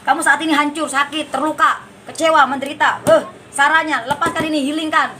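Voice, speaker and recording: A woman with a fairly high voice gives a chatty card reading. She coaxes and scolds her listener by turns. Faint noise hums under her voice. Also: fairly even intonation, brisk, sharp tone. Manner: chatty, coaxing, refers to herself by name; scolding tone at times. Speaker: card reader. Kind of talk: casual spiritual card reading.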